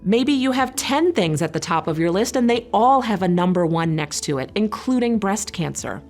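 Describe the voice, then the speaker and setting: A woman social worker giving a calm, reassuring educational talk, speaking directly to the listener. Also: mid-range voice, normal speed, soft background music.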